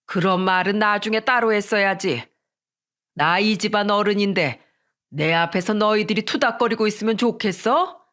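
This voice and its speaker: A woman's voice: mid-range voice, moderate pace, a bit bright, close to an everyday voice. A woman reading the part of a stern elderly mother-in-law who scolds and commands her family. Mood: scolding.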